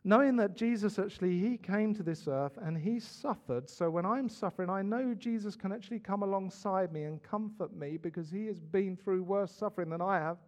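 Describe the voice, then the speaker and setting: A man's voice: sits high, fairly quick, few pauses. A man preaching a sermon in an earnest, conversational way, with small asides to the congregation.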